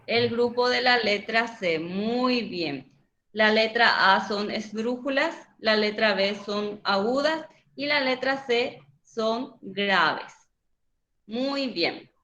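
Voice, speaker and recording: A woman teacher speaks slowly and patiently, her fairly high voice bright and clear. She walks her students through a grammar lesson and checks each answer with questions. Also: highs cut off, a little hiss or hum. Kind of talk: online Spanish grammar lesson.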